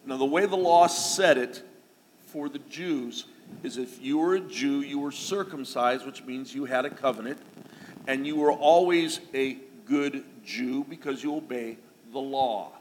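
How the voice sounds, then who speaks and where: This pastor, a middle-aged man, talks to his church in a relaxed, homespun way, tossing in asides and light humor as he preaches. His mid-range voice moves at a measured pace. The sanctuary gives the audio a long, hall-like reverb over faint background noise.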